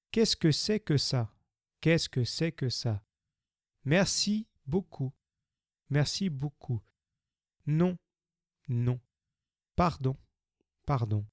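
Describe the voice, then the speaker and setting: A man leading a language drill, saying each short phrase twice with slow, careful pronunciation. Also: medium pitch, darkish tone, no room sound, clean studio sound. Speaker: language teacher.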